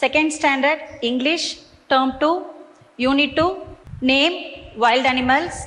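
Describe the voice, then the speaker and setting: A woman teacher with a Tamil accent, giving a slow bilingual lesson to young children and repeating each line in two languages. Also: sits high, steady tone, a bit bright, big-room sound, slight background noise. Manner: slow, sing-song questions, repeats each line in English then Tamil.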